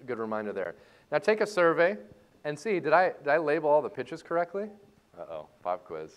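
A man leading a church music lesson for a class, joking and playful as he explains reading music and warming up voices. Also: fairly high pitch, animated, a little fast, clear, resonant tone. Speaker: music teacher. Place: church hall.

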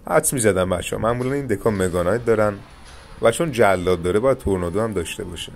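A young man giving calm, coaching commentary over his own mobile game matches, talking straight to his viewers. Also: lowish voice, creaky, a little hiss or hum. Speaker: gaming YouTuber. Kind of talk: live gameplay commentary.

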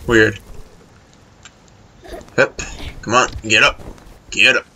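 A man with a bright, forward voice narrates his gameplay in a loose, chatty way, urging the game character along and swearing without a second thought. Faint noise sits under him. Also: on the low side, little pitch movement, slow pace. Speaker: let's play host. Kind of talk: casual gameplay commentary.

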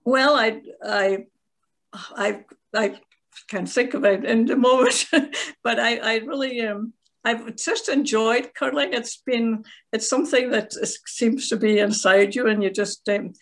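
An older woman from Scotland, telling stories in a halting, rambling way on a video call from her tablet at home. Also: a little high, fairly even intonation. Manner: rambling, halting, with frequent restarts and soft laughs. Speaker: interviewee, veteran curler. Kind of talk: casual video call interview.

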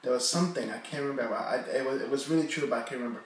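A man talks loosely to his viewers at a middle pitch, trailing off and restarting his thoughts. He sits well back from the microphone in a very echoey room. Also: very fast. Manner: rambling, hesitant, many fillers and restarts. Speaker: reaction channel host. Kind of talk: casual reaction commentary. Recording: echoey room, distant from the mic.

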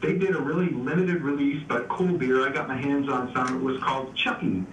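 A man's voice: medium pitch, steady tone, brisk, a bit bright. Easygoing man on an echoey far-off line. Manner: easygoing, explains with frequent "uh" and restarts. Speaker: beer news contributor. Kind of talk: casual radio chat. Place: remote call into a radio show. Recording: echoey, distant, faint background noise.

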